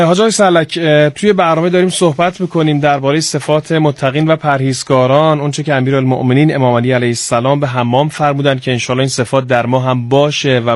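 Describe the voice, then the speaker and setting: A man's voice: mid-range voice, no room sound. A male radio host formally welcoming a guest and introducing the topic. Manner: formal, courteous, some fillers. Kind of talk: radio program hosting.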